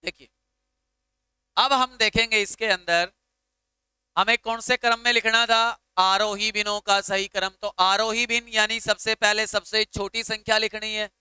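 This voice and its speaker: Male tutor from India, crisp voice, dry close sound, patient step-by-step exam-prep delivery. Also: sits high, fairly even intonation, moderate pace, pushed and bright, dry recording. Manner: patient, repeats steps aloud, calls students "beta". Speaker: math teacher. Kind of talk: exam-prep math lesson.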